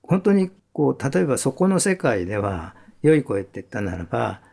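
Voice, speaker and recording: A man calmly explaining breathing and what makes a good voice, step by step. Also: medium pitch, normal speed, vocal fry. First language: Japanese. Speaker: voice expert guest.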